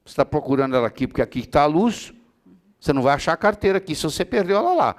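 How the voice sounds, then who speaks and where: A man's voice: a little high, very animated, rapid-fire. Man lecturing a class on medicine. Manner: explains with everyday analogies, checks understanding often. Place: lecture room with students.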